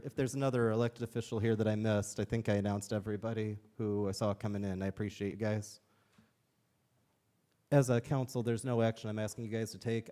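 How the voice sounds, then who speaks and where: A man acting as mayor addresses a city council meeting. His voice is low and mellow, and he talks fast in an even, flat tone.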